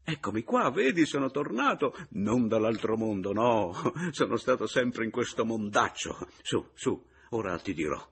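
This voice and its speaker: A man's voice: on the low side, big pitch swings, fairly bright tone, breathy edge, exaggerated voice. A man reading an audiobook, voicing a wry, bitterly ironic man who has come back after being thought dead. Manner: ironic, agitated, quick to laugh bitterly.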